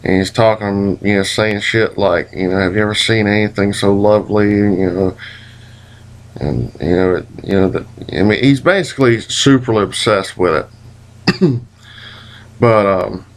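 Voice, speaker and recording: A man's voice: lowish voice, a little slow, pauses often. A man casually rambling through a recounted dream in a hazy, puzzled way, groping for words, with folksy, mildly profane phrasing. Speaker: vlogger.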